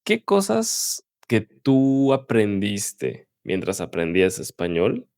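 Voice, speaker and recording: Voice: low-pitched, wildly swooping pitch, slow, a little mellow, no echo, studio quality. An interviewer hosting a casual chat, asking questions and giving frequent short backchannels. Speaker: interviewer, host.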